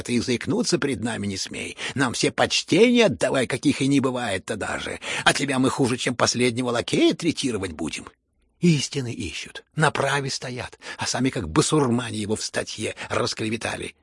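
A man reading a furious, hysterical elderly noblewoman who scolds everyone around her, in shrill raised bursts. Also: gravelly, slightly rough, dry recording, clean studio sound, exaggerated voice. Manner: shrill scolding outbursts, rising to shouts.

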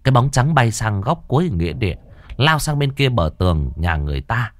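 Expressive male horror storyteller. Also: medium pitch, a little fast, no room sound. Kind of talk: dramatic horror story narration.

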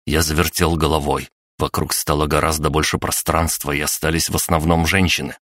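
A man reading a first-person story aloud in a steady, low-key way as an audiobook narrator. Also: a little fast, no echo, studio quality.

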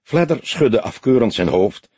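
A man narrating a detective audiobook in measured, lively scripted narration. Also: medium pitch, husky, dry recording.

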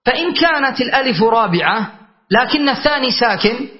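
A man's voice: extremely high pitch, expressive, a little fast. A man teaching a classical grammar lesson, explaining patiently and checking in with his students. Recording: dull lo-fi recording.

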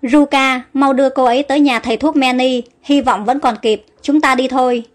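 A woman voicing a kind young noblewoman who gives gentle but brisk orders in a storybook. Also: sits high, steady tone, soft background music, close to an everyday voice. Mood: kindly brisk.

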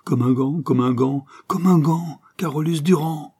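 A man's voice: medium pitch, a little slow, slightly rough, voice pushed up. A man voicing a grief-stricken widowed painter who breaks into feverish, exclaiming talk. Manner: anguished then feverishly excited exclamations.

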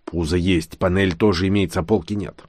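A man's voice: low voice, fairly even intonation, a little fast, darkish tone, dry recording. A man voicing a laconic, sarcastic man who mutters his replies in an audiobook. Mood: grumbling. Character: grumbling, laconic man following orders.

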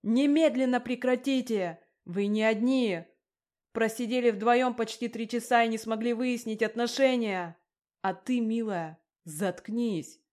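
A woman's voice: on the low side, steady tone, moderate pace, a little mellow, lightly acted. A woman voicing a crude, menacing male gangster in an audiobook, talking with a mocking, threatening edge. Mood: shouting. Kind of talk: audiobook character reading.

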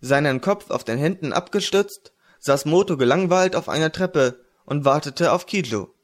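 A man narrating a fantasy audiobook in a measured, even reading. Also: a little high.

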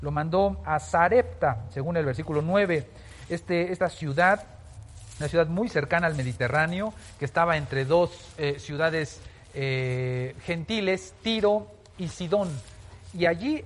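A man leads a Bible teaching in a fairly high voice. He explains things patiently, stopping often with fillers and starting over mid-sentence. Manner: explanatory, many fillers and restarts.

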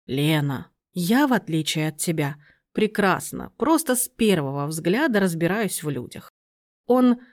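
Woman doing a bossy, shrill middle-aged aunt. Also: sing-song, unhurried. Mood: indignant. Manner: indignant, shrill outbursts.

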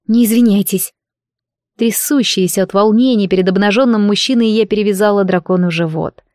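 A woman's voice: medium pitch, a little fast, a little mellow, dry recording, clean studio sound. Woman narrating an emotional audiobook. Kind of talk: first-person audiobook narration.

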